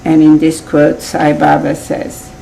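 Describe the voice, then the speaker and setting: A woman's voice: sits low, monotone, measured pace, vocal fry, dark tone, a little hiss or hum, low-quality recording. A woman with a Serbian accent, a guest in an interview, telling her story in a chatty way with frequent laughs. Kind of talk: casual interview chat.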